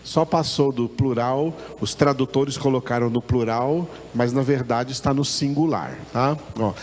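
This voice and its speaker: A man's voice: mid-range voice, a little slow, a little mellow. A man with a Brazilian Portuguese accent giving a Bible class, patiently repeating words and asking the listeners to say them back. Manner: often checks understanding with short tag questions. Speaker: Bible teacher. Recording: long hall reverb with faint background noise.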